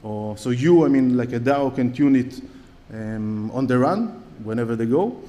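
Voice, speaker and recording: On stage in a large conference hall, a man with an Israeli accent gives a talk and fields audience questions. His medium-pitched, mellow voice is animated and moves at a normal speed, though he stumbles with frequent fillers and restarts. Long hall reverb surrounds the sound.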